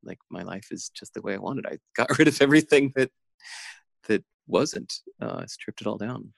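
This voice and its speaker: A man's voice: lowish voice, expressive, moderate pace, vocal fry, no echo. A man talking as a podcast guest in casual conversation, intense and enthusiastic, laughing often, over a remote call.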